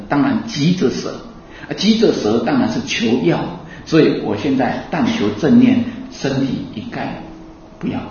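A man giving a Buddhist dharma talk to an audience, asking them lively rhetorical questions and laughing in between. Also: medium pitch, slight background noise. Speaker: Buddhist teacher. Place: hall with an audience. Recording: echoey hall, distant mic, dull sound.

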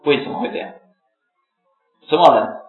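A slightly hoarse man giving a Buddhist dharma talk to a seated audience, explaining and chanting examples aloud. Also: fairly high pitch, sing-song, moderate pace. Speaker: Buddhist teacher. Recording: echoey phone-like lecture recording, faint music.

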